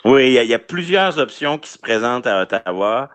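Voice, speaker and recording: A man's voice: mid-range voice, lively intonation, a little fast, a bit bright, no echo. Explanatory Quebec male legal commentator, dry studio. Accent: Quebec French. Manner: explanatory, point by point. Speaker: legal commentator, regular columnist. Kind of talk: conversational legal analysis.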